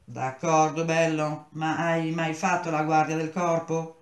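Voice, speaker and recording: A woman voicing a lazy, cold male gatekeeper called the Serpent, speaking slowly and dismissively. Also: sits low, level tone, echoey room. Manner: slow, languid, dismissive.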